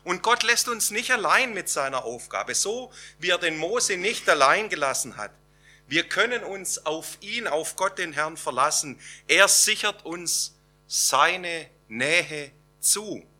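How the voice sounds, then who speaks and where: Slow, bright-voiced German preacher. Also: male voice, on the high side, animated, faint music behind. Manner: slow emphatic preaching with dramatic pauses. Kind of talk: sermon.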